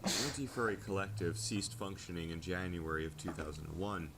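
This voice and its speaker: Male documentary narrator, low and steady, informative read; audio has clear background noise. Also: fairly quick. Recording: noisy played-back video audio.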